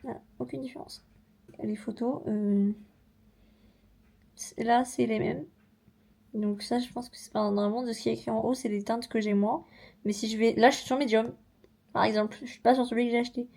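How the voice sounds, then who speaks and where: Young female vlogger, relaxed unboxing chatter, animated asides, a touch high-pitched. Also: moderate pace, vocal fry, pauses often. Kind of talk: casual vlog chat, product unboxing.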